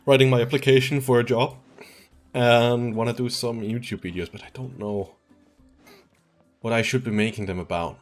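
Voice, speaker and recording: A man's voice: medium pitch, fairly even intonation, normal speed, pauses often, soft background music. A man in his twenties from Switzerland, chatting casually and rambling through a game stream, chuckling now and then. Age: 20s. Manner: rambling, laid-back, chuckles often. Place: at home.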